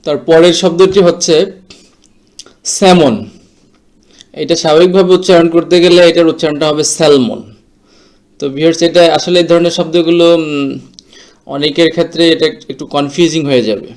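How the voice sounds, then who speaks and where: A man teaching English word pronunciation in a slow, explanatory way, mixing English words into his talk. English is not his first language; his first language is Bengali. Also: on the high side, steady tone, a little mellow. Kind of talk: explanatory lesson.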